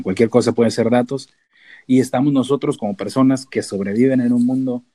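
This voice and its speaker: This podcast guest, a data analyst and researcher from Tijuana, Mexico, has a northern Mexican accent and a mellow, relaxed voice pitched in the middle range. His explanations are casual and informal, with the odd English term dropped in.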